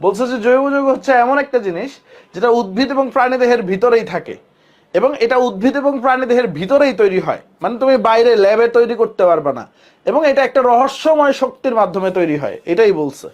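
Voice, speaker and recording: A man's voice: very high voice, animated, fast talker, highs cut off. A man. He talks casually and repeats each point. He quizzes the class and then gives the answer himself. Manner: repetitive, asks students questions and answers them; colloquial Bangladeshi speech. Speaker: chemistry teacher. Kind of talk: classroom lecture.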